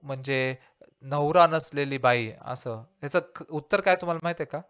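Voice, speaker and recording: A man's voice: fairly high pitch, moderate pace, a bit bright, smooth. A male pastor preaching a sermon and asking his listeners rhetorical questions.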